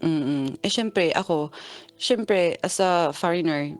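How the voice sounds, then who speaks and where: Animated woman caller telling a story. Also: lowish voice, slow, faint music behind. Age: 30s. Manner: animated storytelling, acting out both sides of an argument. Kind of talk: phone-in confession.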